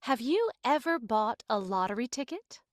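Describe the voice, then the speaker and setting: Woman reading textbook drill lines, really slow, bouncy intonation, dry sound. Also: fairly high pitch, big pitch swings, dry recording. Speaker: recorded audio example speaker. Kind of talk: slow recorded drill sentences.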